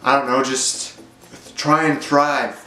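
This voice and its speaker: A man's voice: medium pitch, level tone, slow pace, bright, forceful tone, roomy sound, rough recording. A young man rambling through a casual vlog monologue, hesitant and full of fillers. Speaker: YouTuber.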